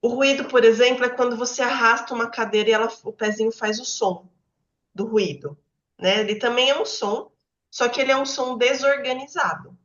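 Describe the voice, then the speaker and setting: A woman's voice: on the high side, normal speed, fairly bright tone, echoey room, highs cut off. A woman with a Brazilian Portuguese accent hosting a book club, explaining ideas in a conversational teaching style and often checking in with her listeners. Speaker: book club host and educator.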